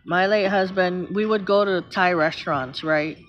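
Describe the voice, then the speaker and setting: Speaking at a moderate pace in a lowish voice, this middle-aged woman from the Philippines rambles through stories on a live stream and thanks viewers by name, her Filipino accent clear. There's slight background noise and music, and the stream sound is a bit muffled.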